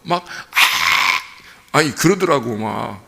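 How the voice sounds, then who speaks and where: A man's voice: mid-range voice, expressive, moderate pace, vocal fry, pushed and bright. A man preaching a sermon as pastor, telling a story animatedly and asking his congregation questions. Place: church sanctuary. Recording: church hall reverb.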